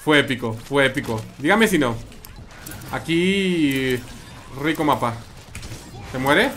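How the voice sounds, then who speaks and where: A man's voice: medium pitch, animated, takes it slowly, fairly bright tone. A man with a Mexican accent commenting live on his gameplay, chatting with viewers and repeating his phrases. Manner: chatty, repeats phrases, reads and answers chat. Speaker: streamer.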